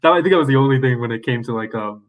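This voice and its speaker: A man hosts a podcast, chatting casually with his guest in an easygoing, curious way. His voice is medium-pitched and he talks at a racing pace.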